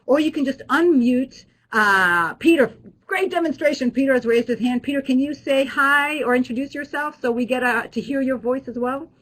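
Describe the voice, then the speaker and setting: A woman's voice: sits high, normal speed, fairly bright tone, low-quality recording. Friendly woman professor leading a webinar. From Israel. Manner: friendly, many fillers and restarts. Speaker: business school professor. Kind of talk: online alumni webinar talk.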